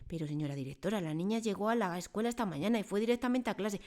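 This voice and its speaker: A woman voicing a gentle young teacher who pleads politely in a storybook reading. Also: mid-range voice, racing, pitched above the performer's own voice, close to an everyday voice. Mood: pleading.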